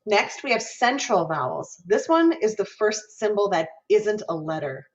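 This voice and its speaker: A woman's voice: mid-range voice, sing-song, unhurried. A woman from Minnesota teaching an online diction lesson as a guest professor, explaining and voicing vowel sounds aloud over a video call. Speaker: guest lecturer, music professor. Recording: dull lo-fi video call audio.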